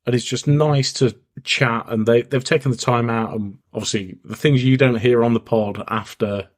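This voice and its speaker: A man's voice: mid-range voice, fairly even intonation, moderate pace. A man co-hosting a podcast in casual chat, rambling and restarting sentences while he has the hiccups. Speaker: podcast co-host.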